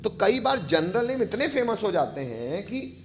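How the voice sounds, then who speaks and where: Man, teacher, chemistry lecture, slightly high voice, step-by-step explaining, checks on students. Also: sing-song, a little slow, fairly bright tone, slight background noise. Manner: addresses pupils affectionately as kids.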